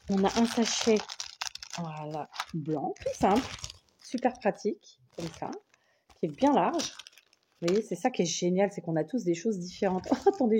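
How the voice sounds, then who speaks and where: Her voice is mid-range and mellow, with slight background noise. A French vlogger casually unboxes mail on camera, a parcel of craft paper, thinking aloud, restarting and trailing off while enthusiastically saying she loves each piece.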